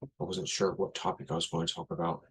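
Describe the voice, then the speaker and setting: A man's voice: low-pitched, little pitch movement, fast, a bit bright, breathy edge, rough recording. A man in his thirties talking through a rambling, blunt casual monologue, full of fillers and restarts. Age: 30s. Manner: rambling, blunt, frequent fillers and self-corrections. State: has a headache. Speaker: podcast host.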